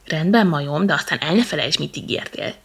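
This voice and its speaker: A woman's voice: deep voice, expressive, creaky, husky, voice pushed down, exaggerated voice. A woman doing a chatty little elephant. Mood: teasing. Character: good-natured, hungry little male elephant.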